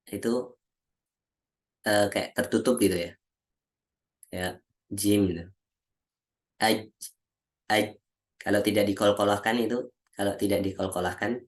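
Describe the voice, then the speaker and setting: A male Quran recitation teacher giving a lesson on how Arabic letters are pronounced, slowly drilling syllables one by one and often clearing his throat, over a video call. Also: fairly low pitch. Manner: slow, patient, repeats each syllable aloud as a drill.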